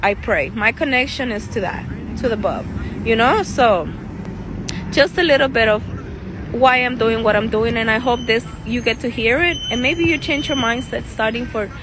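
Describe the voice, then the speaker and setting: A woman's voice: a little high, moderate pace. A woman from El Salvador, a tarot reader and life coach, talking earnestly and casually to her viewers from a city park, laughing often and restarting her sentences. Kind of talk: casual talking-to-camera vlog. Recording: outdoor street noise. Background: passing cars and city noise.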